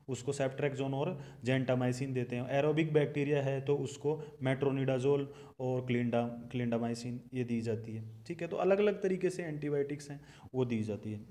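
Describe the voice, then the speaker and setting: A man's voice: mid-range voice, dark tone. A young man with an Indian accent teaching nursing exam material, asking questions and answering them himself. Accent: Indian English. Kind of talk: recorded lecture.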